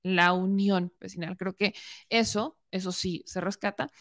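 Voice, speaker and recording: A woman news host, interviewing and commenting in a colloquial, animated way with rhetorical questions. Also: medium pitch, unhurried.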